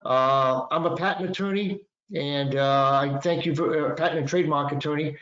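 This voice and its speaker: A man's voice: fairly high pitch, steady tone, moderate pace, fairly bright tone. A man in his sixties with a Boston accent, an attorney giving a conversational webinar presentation with many fillers and restarts. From Northeastern United States. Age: 60s. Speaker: patent and trademark attorney presenter. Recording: echoey, dull lo-fi room sound.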